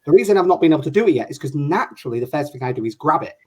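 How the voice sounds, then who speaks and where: A man's voice: fairly high pitch, lively intonation, very fast, warm tone, husky. A man from Hull with a northern English accent, hosting an online interview in a casual, rambling way and often interrupting himself. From Hull, England. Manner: chatty, rambling, self-interrupting. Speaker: host of an online interview show. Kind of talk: casual chat.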